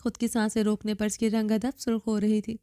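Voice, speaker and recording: A woman narrating a romantic novel in a measured, dramatic reading. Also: medium pitch, level tone, warm tone, no echo, clean studio sound.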